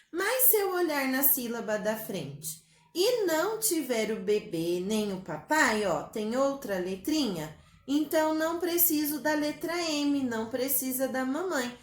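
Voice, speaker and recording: A woman with a Brazilian Portuguese accent teaches a spelling rule to small children. She speaks very slowly, in a rather high, sing-song voice full of little diminutives. Her voice rings in an echoey room. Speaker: primary school teacher.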